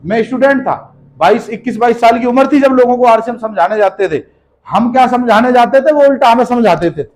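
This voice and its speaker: A man's voice: very high-pitched, lively intonation, brisk, darkish tone, poor audio. A man giving a motivational seminar speech, firing rhetorical questions at the audience and repeating his points with emphasis. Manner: emphatic, scolding, repeats key phrases. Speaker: motivational business speaker. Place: seminar hall with a live audience.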